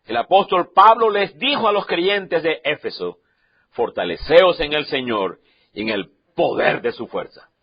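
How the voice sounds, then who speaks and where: A man preaching a sermon with passion, swinging from quiet, low asides to loud, rising declarations. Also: sing-song, a little slow, slightly rough. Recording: dull lo-fi sound.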